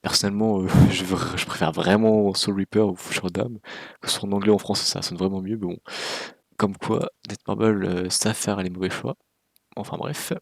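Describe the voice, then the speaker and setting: Man, low voice, gravelly fry, dry close sound, wry casual game news talk. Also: fairly even intonation, normal speed, no echo. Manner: opinionated, wry and candid. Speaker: gaming video creator.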